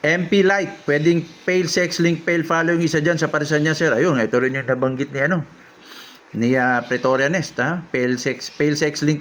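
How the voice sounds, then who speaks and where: A man's voice: medium pitch, fairly bright tone, a little hiss or hum. Man chatting about lovebird breeding. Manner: reads out commenters' names and messages, then reacts. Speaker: lovebird breeder reading viewer comments. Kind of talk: casual livestream chat.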